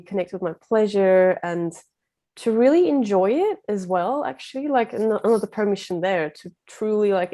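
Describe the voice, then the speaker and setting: Woman from Turkey, guest coach, reflective and earnest, warm mellow tone. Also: medium pitch. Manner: reflective, earnest, many fillers. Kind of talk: casual conversation.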